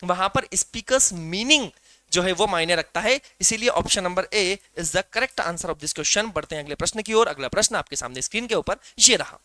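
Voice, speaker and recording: A male teacher leads a live online exam-prep class in a high, bright, crisp voice, heard close and dry. He explains by asking rhetorical questions and calls his students "beta". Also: expressive, normal speed, dry recording.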